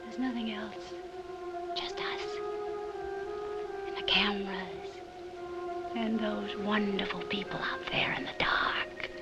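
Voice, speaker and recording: An actress playing a grandiose aging silent-film star, theatrical and breathy, with film score underneath. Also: female voice, medium pitch, steady tone, slow pace, long pauses, over loud music, lightly acted. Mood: entranced. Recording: dull old film soundtrack with score.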